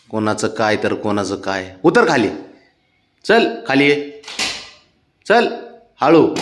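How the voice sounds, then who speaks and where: A young man, coaxing and sweet-talking his pets in affectionate baby talk. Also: lowish voice. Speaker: pet owner talking to his cats. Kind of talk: casual pet vlog, coaxing baby talk.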